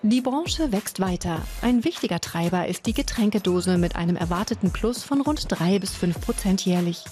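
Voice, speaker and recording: A woman narrating a scripted news report in a measured, even way. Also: medium pitch, faint music behind.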